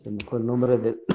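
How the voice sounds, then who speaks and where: A man teaching a recorded language class, speaking slowly, repeating each word and often asking "¿verdad?", with frequent throat clearing. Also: mid-range voice. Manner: slow, repeats words and asks "¿verdad?" often.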